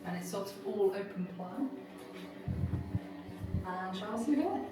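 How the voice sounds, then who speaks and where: A woman's voice: mid-range voice, animated, unhurried, heavy background noise. A British woman narrating and chatting in a travel vlog, friendly and explanatory. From Britain. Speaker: travel vlogger. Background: music.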